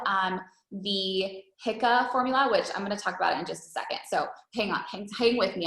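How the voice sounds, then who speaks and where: Her mid-range, slightly bright voice carries an informal, chatty coaching presentation as she leads a team training call, wordy and full of rhetorical check-ins. The recording has a roomy echo.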